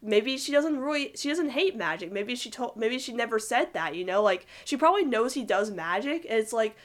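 A young woman gushing about a cartoon couple in rambling, excited casual commentary full of "like". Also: on the high side, fairly quick. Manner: gushing, rambling, heavy use of "like", giggly. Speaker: cartoon fan reviewer.

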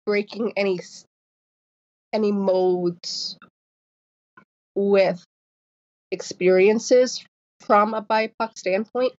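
A woman's voice: mid-range voice, a little mellow. A woman author, a guest in a casual interview, who stutters with repeated sounds and blocks and laughs often. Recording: slightly dull lo-fi audio.

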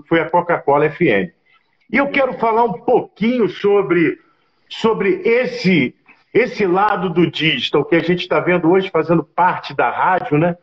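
High-pitched host guy, animated, swears a lot, dull muffled audio. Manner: animated storyteller, swears freely. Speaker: podcast host. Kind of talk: casual interview. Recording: dull lo-fi sound.

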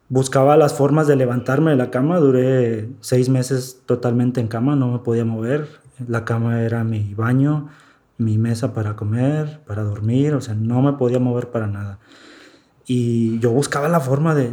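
A man speaks as an interview guest in a warm, darker tone. He tells his story earnestly, repeats phrases and slips into acting out the people he quotes. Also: medium pitch. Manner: earnest, repeats himself, acts out quoted dialogue. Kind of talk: emotional testimony in an interview.

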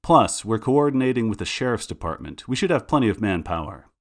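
A businesslike federal agent , read by a male narrator, reports in clipped, military fashion. His pitch sits fairly low and level for the role. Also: sing-song, fairly quick. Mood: brisk.

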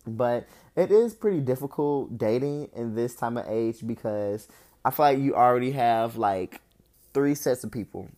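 A young man talks on his own in a loose, unscripted monologue, his voice a little stuffy through the nose. He is candid and wanders from point to point, padding his thoughts with fillers and restarts. His pitch sits in the ordinary middle range for a man. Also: lively intonation, normal speed, warm tone. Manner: rambling, candid, with frequent fillers. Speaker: podcast host. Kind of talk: casual solo monologue.

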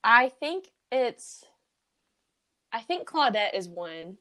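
A young woman answering quiz questions from a friend, playful and teasing, thinking out loud. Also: a little high, sing-song, slow. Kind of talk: casual quiz game chat between friends.

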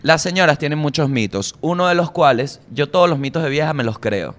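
A man's voice: fairly high pitch, a little fast, a little hiss or hum. Slangy Venezuelan comedian man. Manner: slangy, animated, swears freely, jokey asides. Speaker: comedian podcast host. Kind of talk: casual comic monologue.

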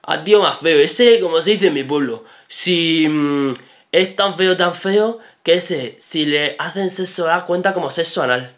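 A man's voice: fairly high pitch, unhurried, a bit bright, voice pushed up. A man voicing a crude small-town male driving instructor who talks oddly and bluntly. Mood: joking. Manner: odd mumbling talk, blunt.

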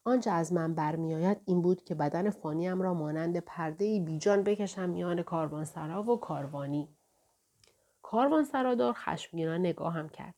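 Low, mellow-voiced woman reading a novel. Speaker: audiobook narrator. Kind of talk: scripted narration of a novel.

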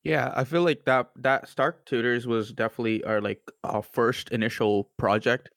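A man's voice: mid-range voice, steady tone, moderate pace, a bit bright, no room sound, studio quality. A nineteen-year-old man co-hosting a casual podcast, hesitant with many fillers and restarts. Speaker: podcast co-host. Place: student university, Canada.

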